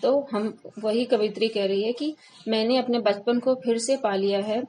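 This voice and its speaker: Lady teacher going through a poem line by line, fairly high voice, a little hiss behind. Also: warm tone, low-quality recording. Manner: reads verses slowly, then explains line by line. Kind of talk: Hindi poetry lesson, reading and explaining.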